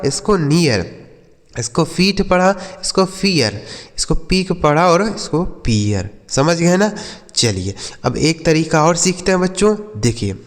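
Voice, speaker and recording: Male teacher spelling words slowly. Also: a little high, in a large hall. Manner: spells letters out slowly, asks and answers himself. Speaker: English teacher. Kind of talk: spelling lesson for children.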